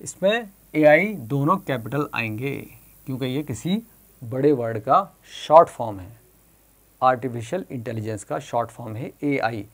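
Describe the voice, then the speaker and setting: Slow, patient Indian male teacher. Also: mid-range voice, lively intonation. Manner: slow, patient explaining, reading sentences aloud slowly. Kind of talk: textbook lesson for children.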